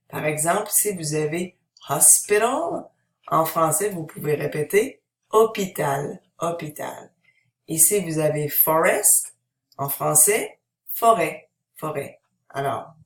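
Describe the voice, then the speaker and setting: A woman teacher giving a French pronunciation tutorial, modeling words slowly, checking in with "ok?" and filling pauses with "euh". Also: low voice. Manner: slow, deliberate modeling of words, switching between French and English explanations; frequent "ok?" checks and "euh" fillers. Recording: roomy, distant mic.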